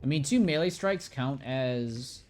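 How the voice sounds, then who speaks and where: A man's voice: mid-range voice, unhurried, slight background noise. Laid-back man narrating a horror game. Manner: relaxed, talks to himself as he plays. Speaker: let's play gamer. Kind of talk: casual gameplay commentary.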